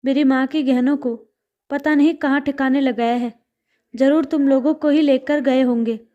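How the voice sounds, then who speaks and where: A woman voicing a greedy married woman who loudly accuses her sister-in-law. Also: high voice, steady tone, normal speed, muffled recording, close to an everyday voice. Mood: accusing. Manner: accusing, loud.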